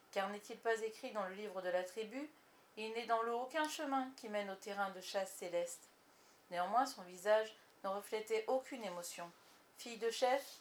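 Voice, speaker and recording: A female narrator reads in a measured storybook style with a mid-pitched voice. Faint background noise sits under the recording.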